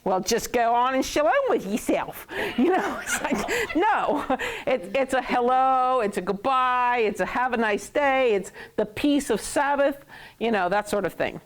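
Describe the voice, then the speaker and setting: A woman's voice: fairly high pitch, normal speed, slight background noise. A woman teaching a class who jokes with her students, laughs often and repeats words to drill them. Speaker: Hebrew teacher. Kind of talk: classroom lesson.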